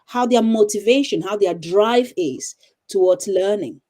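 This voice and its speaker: A middle-aged woman from Cameroon, a teacher and coach, answering interview questions thoughtfully with frequent pauses and restarts over a video call. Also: mid-range voice, mellow.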